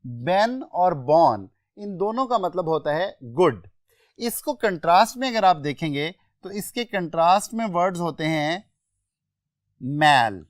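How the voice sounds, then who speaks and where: An exam-prep vocabulary class is led by a man with a Pakistani accent, who explains each word in a measured manner and names synonyms one by one. He has a high, expressive voice, captured in clean studio sound without echo.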